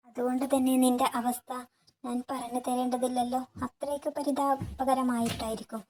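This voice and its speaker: A woman voicing an elderly, ailing father-in-law who begs forgiveness through tears, slow and heavy. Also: high-pitched, darkish tone, rough recording. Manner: pleading, weeping, slow and heavy.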